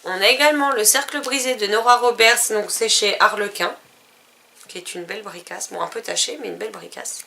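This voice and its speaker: Lady reading off her book pile, bright voice, lots of euhs and little corrections. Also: mid-range voice, fairly quick, creaky. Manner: lists titles and publishers, self-correcting with fillers. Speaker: book vlogger. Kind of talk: casual book haul vlog.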